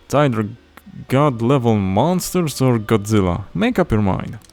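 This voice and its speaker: A man narrating a let's play in a slow, unhurried way, tossing out wry, rambling asides. His voice has a gravelly edge. Game music plays quietly under him. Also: medium pitch, very animated. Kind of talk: casual game commentary. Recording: commentary over game music.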